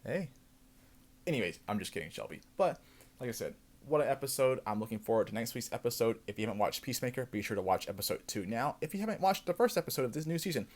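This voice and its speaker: Man, show host, casual recap, enthusiastic, mid-pitched voice. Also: big pitch swings, racing, a little mellow. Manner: enthusiastic, laughs easily, loose fillers. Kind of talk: casual episode recap commentary.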